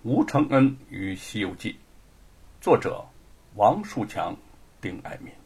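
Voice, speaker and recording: A man narrating a traditional Chinese story with dramatic, lively delivery. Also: fairly low pitch, slow pace, husky.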